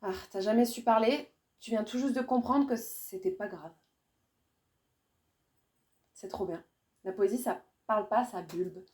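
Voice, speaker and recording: A poet, a woman, giving a live reading of her poetry in a rhythmic, repetitive way, her voice swinging from loud bursts to hushed lines. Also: mid-range voice, measured pace, long pauses. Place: small indoor venue.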